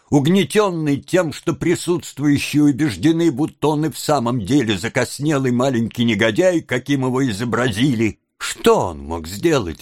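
A man narrating a classic novel as an expressive storyteller. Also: medium pitch, no echo, studio quality. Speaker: audiobook narrator. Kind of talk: scripted narration.

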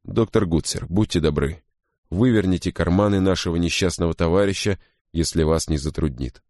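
A man voicing a stern ship's captain who gives formal orders in a low, measured way, in an audiobook. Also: a little mellow, dry recording, studio quality, close to an everyday voice. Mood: courteous. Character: stern male ship's captain, calm commanding.

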